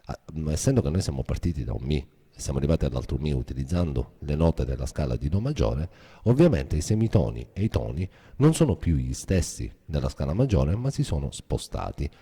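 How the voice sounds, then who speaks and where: A man's voice: a bass voice, big pitch swings, brisk, dark tone, husky. A man giving a guitar lesson, explaining a scale step by step in a methodical way. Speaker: guitar teacher. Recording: guitar playing behind voice.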